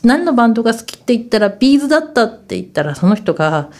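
A woman's voice: on the high side, big pitch swings, racing, a little mellow. A woman hosting a casual radio talk corner, rambling along chattily, calling herself by her nickname and turning to her co-host to check details. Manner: asks the co-host for confirmation.

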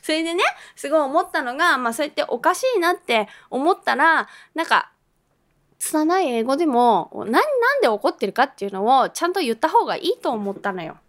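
Brief: woman in her thirties, chatty host monologue, lively storyteller who laughs a lot and mimics others, a bit high. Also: brisk. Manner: lively, laughs often, acts out quoted people.

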